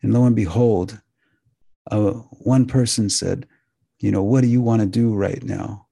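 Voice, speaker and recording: A male host earnestly recounting a dream and the lessons he drew from it, in a measured storytelling manner. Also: on the low side, fairly even intonation, vocal fry, dark tone, husky. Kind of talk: spiritual talk recounting a dream.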